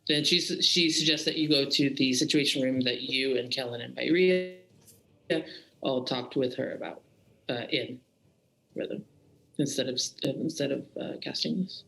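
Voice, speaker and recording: A man's voice: medium pitch, moderate pace, vocal fry, sharp tone, a little hiss or hum. A man narrating a tabletop game as game master, casual and full of fillers, in an echoey room with faint music.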